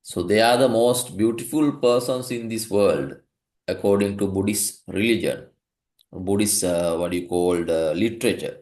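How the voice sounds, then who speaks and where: A man's voice: fairly low pitch, a little mellow. A man from Sri Lanka tutoring a student one-on-one, reading a story aloud and often checking with "right?". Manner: slow, explanatory, checks understanding with "right?". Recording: echoey room.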